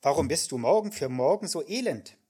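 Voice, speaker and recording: A man's voice: on the high side, lively intonation, brisk, mellow, husky, pitched above the performer's own voice. A man reading as Jonadab, a crafty adviser. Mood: scheming. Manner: plain read-aloud delivery. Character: crafty male adviser giving sly advice.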